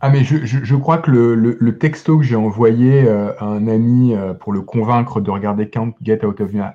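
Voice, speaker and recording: A man chatting as a guest film critic on a podcast, enthusiastic but halting, with many restarts and fillers. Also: mid-range voice, fairly even intonation, dark tone, highs cut off. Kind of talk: casual podcast discussion.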